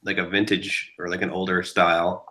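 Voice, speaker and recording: A man dropping in as a guest on a live stream, chatting casually and hesitantly with many pauses and ums. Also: deep voice, flat delivery, pushed and bright.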